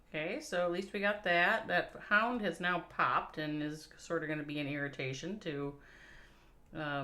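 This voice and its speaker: A woman's voice: low-pitched, a bit bright. A woman with a Minnesota accent giving chatty, playful live commentary on a mobile strategy game match, reacting to chat and laughing along. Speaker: esports caster.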